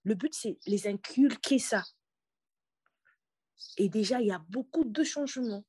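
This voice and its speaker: A woman's voice: fairly high pitch, animated, unhurried, mellow, husky, no echo. A woman in her thirties from the Republic of the Congo, a singer speaking earnestly as a podcast guest, often repeating words. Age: 30s. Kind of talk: casual interview talk.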